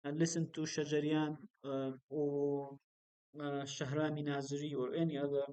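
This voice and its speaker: A male university lecturer, a native Kurdish speaker, explaining phonetics slowly with frequent fillers. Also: a little high, monotone, warm tone, clear, resonant tone, low-quality recording.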